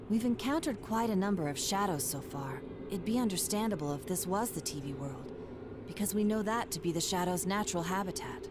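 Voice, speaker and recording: A woman's voice: lowish voice, natural voice. Woman as formal, composed young detective. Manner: precise, formal, measured wording. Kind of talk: video game voice acting. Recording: noisy background.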